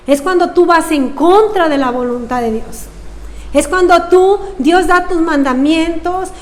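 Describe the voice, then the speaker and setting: Lady pastor preaching, high voice, lots of questions to the crowd, echoey hall. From Mexico. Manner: earnest preaching with rhetorical questions. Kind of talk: sermon.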